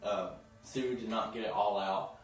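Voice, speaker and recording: Unhurried and steady, this lowish male voice belongs to a TV episode reviewer giving a chatty recap. He giggles frequently and acts out what the characters said. The recording is distant and off-mic, in a very echoey room with faint music.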